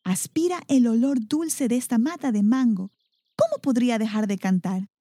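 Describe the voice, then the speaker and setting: A woman's voice: fairly high pitch, normal speed, mellow, dry recording, clean studio sound, close to an everyday voice. A woman voicing a stubborn, brave little male rooster in a storybook, defiant and plaintive. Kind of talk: storybook character voice.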